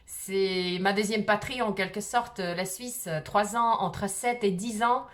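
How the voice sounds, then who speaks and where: A middle-aged woman from Russia, who vlogs, narrates a personal story to her camera at an unhurried pace in a medium-pitched voice. Her slight Russian accent shows, and she speaks hesitantly, with plenty of "euh" fillers.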